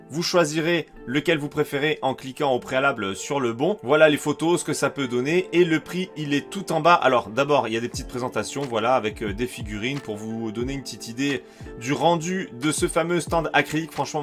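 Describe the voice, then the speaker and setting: A man's voice: on the high side, a bit bright. A French man walking viewers through a shopping website in a casual, chatty way, with plenty of fillers. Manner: chatty, enthusiastic, many fillers. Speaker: YouTuber reviewing collectibles. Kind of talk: casual screen-share walkthrough.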